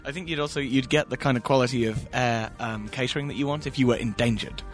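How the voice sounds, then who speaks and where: A man's voice: mid-range voice, fast, soft background music. A man co-hosting a comedy podcast with dry, wry jokes. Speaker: co-host.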